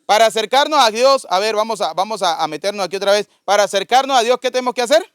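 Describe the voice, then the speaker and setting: A priest preaching a conversational sermon, often putting questions to the congregation. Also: male voice, sits high, lively intonation, quick pace, a bit bright, clean tone, no room sound, clean studio sound.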